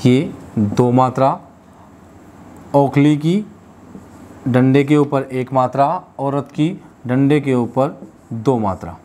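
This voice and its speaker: A male teacher works through a class at a patient pace, saying each key term again and again and stopping to fix his own slips. His pitch sits in a plain middle range. A faint hiss runs under the recording. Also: fairly even intonation, takes it slowly, pauses often, mellow. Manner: explains step by step, repeats key terms, stops to correct himself. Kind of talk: classroom lesson.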